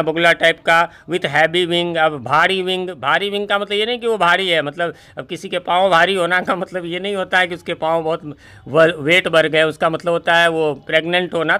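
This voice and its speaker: A man teaching who explains a poem line by line, reading the words slowly, then asking and answering his own questions. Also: sits high, bright, forceful tone, clean tone. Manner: explains slowly, reads English lines word by word. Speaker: English teacher.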